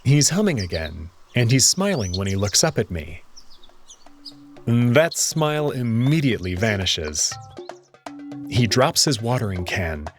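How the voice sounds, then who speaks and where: A man with a medium-pitched voice, very animated and a little slow, narrates a visual novel playthrough that he hosts. He reads the scripted text in a dramatic storytelling manner, with background music underneath.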